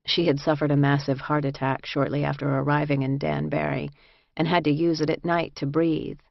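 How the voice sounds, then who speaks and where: Low gravelly woman reading a memoir. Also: flat delivery, dry recording. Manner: measured, reflective storytelling. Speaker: audiobook narrator. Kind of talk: first-person memoir narration. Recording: dry, slightly muffled recording.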